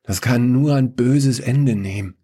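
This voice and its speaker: A man's voice: mid-range voice, measured pace, warm tone, slightly rough, voice pushed up. A man voicing Good, an earnest and unruffled male figure.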